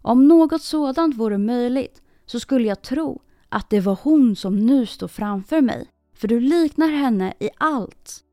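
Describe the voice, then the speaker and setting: A woman's voice: fairly high pitch, lively intonation, mellow, no echo, studio quality. A woman voicing an earnest young king's son in a storybook reading, asking probing questions.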